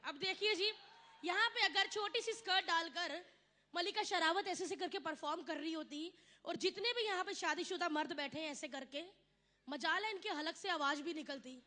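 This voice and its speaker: A woman's voice: very high voice, sharp tone. A woman from India performing live stand-up comedy, chatty and teasing the audience, acting out her mother and others in her stories.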